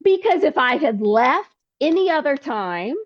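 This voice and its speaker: A woman guest telling her story in a casual, animated way, acting out conversations with laughter. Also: high voice, measured pace, dry recording, lo-fi sound. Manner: animated, acts out dialogue with laughs. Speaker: podcast guest, pilgrim.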